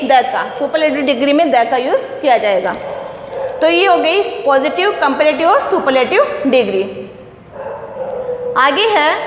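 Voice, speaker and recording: A woman teaching an English grammar lesson, asking questions and answering them herself. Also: high-pitched. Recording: echoey room with faint ambience.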